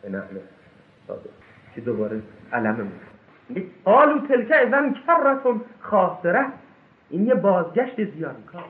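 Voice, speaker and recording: A man preaching an impassioned sermon, reciting scripture verses slowly and swinging between loud high outbursts and low hushed asides. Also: very animated. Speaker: religious lecturer. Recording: echoey, tinny lo-fi recording.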